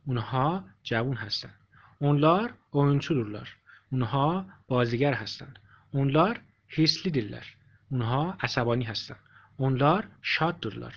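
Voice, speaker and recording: A man teaching a language lesson, explaining patiently and repeating each example sentence with many pauses. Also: medium pitch. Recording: dull lo-fi recording.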